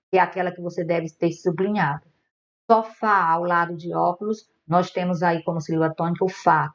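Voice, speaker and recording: A woman teacher with a Brazilian Portuguese accent, giving a patient, methodical online lesson and going through words one by one. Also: fairly low pitch. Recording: dull lo-fi recording.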